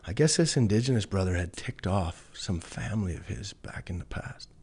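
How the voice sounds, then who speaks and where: Low-voiced man with a hillbilly drawl. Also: animated, moderate pace, darkish tone, husky. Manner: folksy cowboy-preacher way of talking. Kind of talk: testimony storytelling in conversation.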